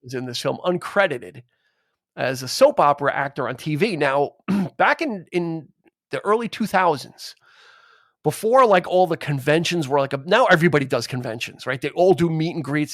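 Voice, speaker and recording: A man co-hosting a podcast in casual chat, rambling and animated, often quoting lines. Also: on the high side, moderate pace, dry recording, studio quality. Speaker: podcast co-host.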